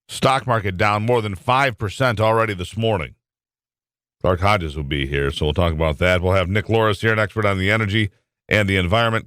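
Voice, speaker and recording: Low-voiced wry male talk radio host. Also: a bit bright, no echo. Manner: wry, conversational, dry asides.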